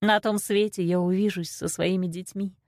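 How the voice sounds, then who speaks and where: A woman voicing a meek young queen, a mother who quietly gives in to her fate in a storybook. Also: on the low side, steady tone, normal speed, dry recording, studio quality, lightly acted. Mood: resigned. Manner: quiet, resigned.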